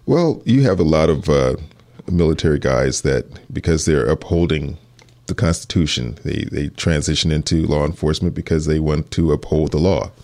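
Very deep-voiced, halting police detective. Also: male voice, vocal fry, mellow. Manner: earnest, hesitant, halting restarts. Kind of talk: interview answers.

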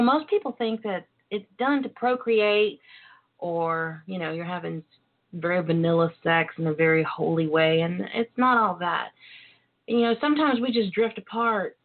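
Female radio host, flirty and coquettish, lingering on words, heard through a tinny phone-quality line. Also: medium pitch. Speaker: radio talk show host. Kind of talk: flirty casual radio monologue. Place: internet call-in radio show over a phone line.

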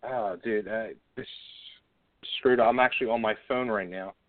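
Calling in by phone, a male co-host chats casually and loosely, rambling with plenty of fillers. His voice is lowish with fairly even intonation at a normal speed, and the phone line sounds tinny and dry.

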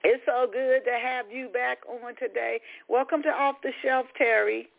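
A woman hosting a radio interview, talking in a halting way and often repeating her words. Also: a little high, steady tone, creaky. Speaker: radio show host. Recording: tinny phone-like radio sound.

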